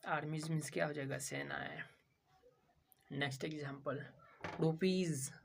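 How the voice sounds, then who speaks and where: A man's voice: on the high side, little pitch movement, normal speed, vocal fry, fairly bright tone, a little hiss or hum. A man from India teaching a language lesson. He spells out words letter by letter, repeats each one, and asks questions that he answers himself. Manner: repetitive drilling of each word. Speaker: English teacher.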